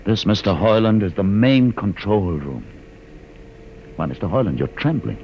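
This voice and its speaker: An actor playing a calm, condescending older man who holds a prisoner aboard a starship, speaking in a measured, commanding way in an old radio drama. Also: on the low side. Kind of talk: 1950s radio drama acting. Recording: vintage radio broadcast with hiss.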